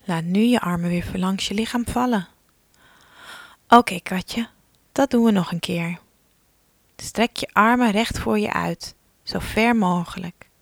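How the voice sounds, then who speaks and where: A woman talks through a relaxation exercise at a very unhurried pace, calm and gentle. She often sinks into a soft whisper. The sound is close and dry, with no room around it. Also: mid-range voice, gravelly, dry recording. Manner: slow, soothing instructions, often dropping to a soft whisper. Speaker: relaxation guide for children.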